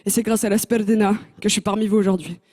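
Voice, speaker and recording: A woman's voice: mid-range voice, quick pace, very noisy. Young woman doing stand-up on stage. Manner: lively, teases the audience. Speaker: stand-up contestant. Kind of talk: stand-up comedy routine. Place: TV talent show stage. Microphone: handheld mic.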